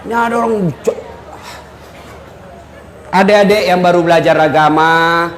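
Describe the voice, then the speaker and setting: A male preacher giving a joking live sermon, shouting to stress his points. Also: sits high, normal speed, slight background noise. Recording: echoey hall with faint audience ambience.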